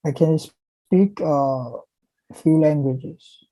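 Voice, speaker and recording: In a casual question-and-answer chat, a young adult guest from Pakistan who grew up speaking Urdu responds to viewers. He sounds very dark and slightly high-pitched, speaks slowly with halting restarts, and the audio is poor though free of room sound.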